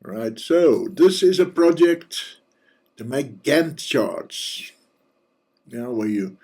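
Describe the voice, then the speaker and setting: A man with a husky, slightly breathy voice talks through a piece of software at an unhurried, unhurried pace. He thinks aloud as he clicks around, slipping in relaxed, dry jokes along the way. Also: mid-range voice. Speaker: software reviewer and channel host. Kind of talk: casual screencast walkthrough.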